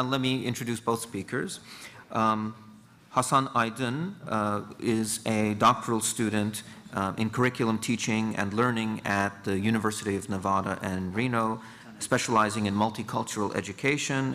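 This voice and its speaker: A man moderating an academic conference, introducing speakers in a hesitant, measured way with pauses. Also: on the low side, fairly bright tone.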